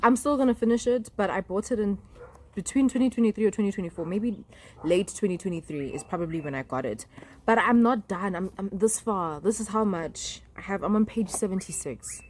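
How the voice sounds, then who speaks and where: A woman's voice: medium pitch, fairly quick, a little mellow, slight background noise. A young woman vlogging in a chatty, rambling way, full of fillers and asides. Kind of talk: casual talk to camera.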